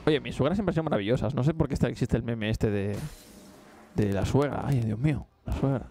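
A man's voice: medium pitch, fairly quick, mellow, a little hiss or hum. A man with a Spanish accent giving jokey, chatty colour commentary on a live esports broadcast. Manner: chatty, jokey, laughs often.

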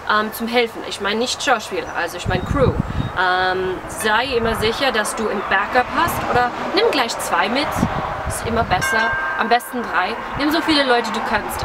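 A twenty-year-old German vlogger living in New York chats casually to a camera on an outdoor porch among trees. Her voice is a little high and moderately paced, and she rambles, hesitates, and hunts for words in a self-deprecating way. The recording picks up clear outdoor ambience and passing traffic.

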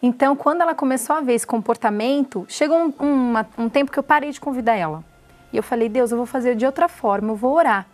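Soft-spoken Brazilian woman giving testimony. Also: on the high side, fast talker, faint music behind. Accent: Brazilian Portuguese. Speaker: church member giving testimony. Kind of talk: testimony interview.

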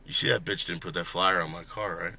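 A man's voice: low-pitched, fairly even intonation, fast, creaky. A young man chatting casually, with a dry, grumbling way of talking. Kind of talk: casual chat. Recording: noisy handheld camera audio.

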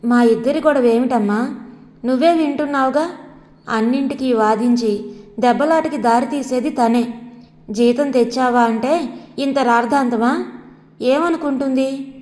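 A woman's voice: high voice, unhurried, long pauses, darkish tone. A woman voicing an angry, resentful young husband who talks in a complaining, scornful way. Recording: long reverb.

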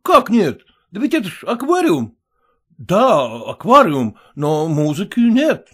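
A man reading an audiobook, voicing a hot-tempered middle-aged husband who scolds loudly and blusters at a servant. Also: high-pitched, wildly swooping pitch, slow, slightly rough, voice pushed up, full character voice. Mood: angry.

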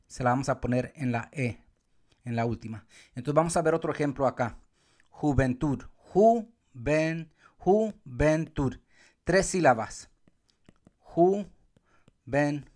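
A man teaching Spanish accent rules step by step, sometimes calling out words loudly to show where the stress falls. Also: a little high. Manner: calls out words loudly to show the stressed syllable, counts syllables slowly. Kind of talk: explaining accent marks step by step.

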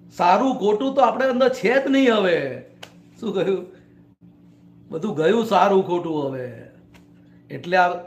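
High-voiced man quizzing his listeners. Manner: keeps quizzing the listeners with short questions. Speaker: spiritual teacher. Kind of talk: spiritual discourse to a small gathering. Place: room in a private home. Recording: echoey room.

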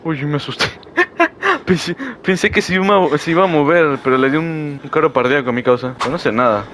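A man's voice: fairly high pitch, a little fast, a bit bright, slight background noise. A man giving jokey horror game commentary as a streamer, often shrieking and yelping when startled. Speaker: gaming streamer. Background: game music.

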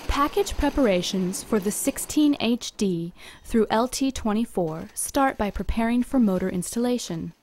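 The narrator of this company video is a woman with a fairly high voice who reads scripted instructions steadily and step by step. Her narration was recorded away from the workshop that appears on screen.

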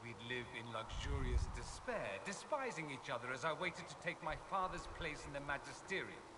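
A man's voice: medium pitch, expressive, normal speed, recorded from a distance, background noise, lightly acted. A man voicing a charming, haughty male noble mage in video game dialogue, proud and witty with theatrical flourishes. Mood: wry, proud.

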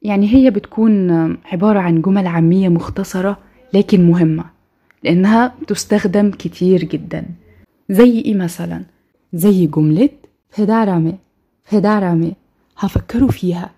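A woman with an Egyptian Arabic accent giving a recorded language lesson, saying each word twice, slowly, for practice. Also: mid-range voice, dark tone, slightly rough, dull audio. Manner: slow, repeats each word twice for drill. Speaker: language teacher.

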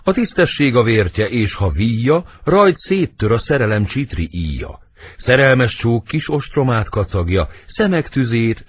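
A man reading the part of Romeo, a brooding lovesick young nobleman, in husky, lyrical verse for an audiobook. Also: slight background noise. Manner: lyrical verse reading, wide swings in pitch.

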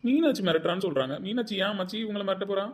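A woman's voice: mid-range voice, expressive, racing, darkish tone, lightly acted. A woman voicing an earnest, curious young village man in a cartoon, eager and questioning. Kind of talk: cartoon voice acting.

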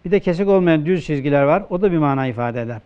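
A man with a Turkish accent, a religious teacher giving a classroom grammar lecture, who poses questions and answers them himself, and slows down to quote texts. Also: a little high, animated, smooth, muffled recording. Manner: asks questions and answers them himself, slow emphatic quoting.

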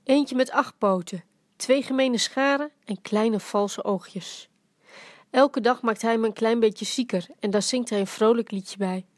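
A woman's voice: on the high side, unhurried, dry recording, natural voice. Storybook grandpa, old man, dry rhyming jokester; woman reader doing him. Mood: teasing. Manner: dry joking, rhyming quips. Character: playful dying grandfather, old man, teasing.

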